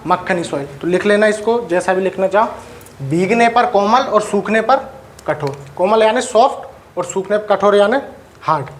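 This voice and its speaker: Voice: medium pitch, lively intonation, moderate pace, a little hiss or hum. A teacher giving a live classroom lecture, dictating notes and regularly asking the students questions and whether they have doubts. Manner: quizzes students and checks for doubts.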